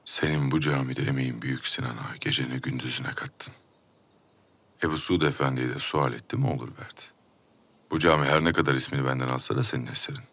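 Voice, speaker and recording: An actor playing a gracious, commanding Ottoman sultan in a period drama, speaking in a measured, terse, regal way. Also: a bass voice, steady tone, fairly bright tone. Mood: gracious praise.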